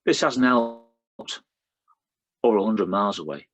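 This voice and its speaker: This middle-aged Lancashire poet, speaking with a Lancashire accent, gives a reading of his poems with casual asides and fillers in between. He sounds expressive and unhurried, his voice on the low side and a bit bright, with no room sound.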